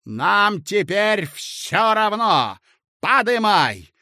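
A man's voice: sits high, very animated, extremely slow, sharp tone, no room sound, studio quality, pitched above the performer's own voice, exaggerated voice. Man doing an agitated, abrupt clerk. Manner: abrupt, demanding. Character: nervous clerk, rattled and brash.

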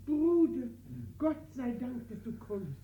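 A woman's voice: medium pitch, measured pace, phone-quality sound, slight background noise, natural voice. An actress playing an anxious sister protecting her sibling, urgent and emotional, in 1940s radio acting. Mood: relieved.

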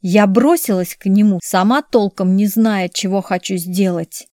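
A woman narrating a novel in the first person in a measured, even storytelling way. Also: mid-range voice, no echo, studio quality. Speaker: audiobook narrator.

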